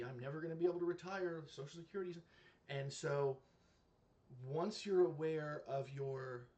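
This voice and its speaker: A man's voice: mid-range voice, darkish tone. A man in his thirties or forties giving an earnest, casual reaction commentary to camera, with many fillers and restarts. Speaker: reaction video creator.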